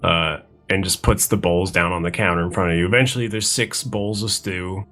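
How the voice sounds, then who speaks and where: A woman's voice: a bass voice, steady tone, fairly quick, fairly bright tone, soft background music. A woman playing a tabletop game, describing her character's actions and bantering. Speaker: player.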